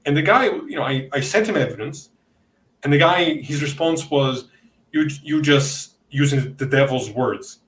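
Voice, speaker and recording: A man's voice: on the high side, a little slow, a bit bright, echoey room, poor audio. A man from Italy with an Italian accent, hosting a casual debate podcast and speaking bluntly, with some profanity. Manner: blunt, heated, profane about opponents. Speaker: podcast host.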